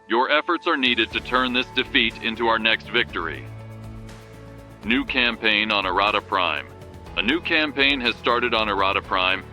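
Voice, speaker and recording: Man playing a forceful, grave wartime radio anchor. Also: lowish voice. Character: grave, urgent male wartime radio news anchor of the future. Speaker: news bulletin host. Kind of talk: scripted wartime radio news bulletin. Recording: music behind the voice. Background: music.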